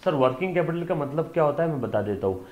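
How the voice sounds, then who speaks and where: A man's voice: on the high side, animated, fast, echoey room, lo-fi sound, soft background music. A man teaching a commerce lecture online, coaxing his students and checking that they follow, mixing in English terms. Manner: mixes Hindi with English terms.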